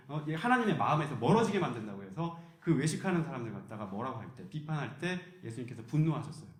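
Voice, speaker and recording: A man preaching a sermon as pastor, telling the story in a lively way and acting out the voices he quotes. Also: medium pitch. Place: church hall. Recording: roomy church echo.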